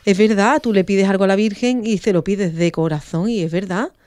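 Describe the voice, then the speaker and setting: A woman's voice: medium pitch, a little fast, no room sound. A woman, a radio guest telling an emotional story and acting out the quoted voices. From Andalusia, Spain. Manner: animated, acts out quoted dialogue.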